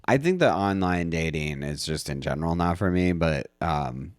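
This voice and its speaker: A man's voice: deep voice, lively intonation, normal speed, no room sound, clean studio sound. A man hosting a casual chat, rambling with many hesitant restarts and playful teasing. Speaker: podcast host.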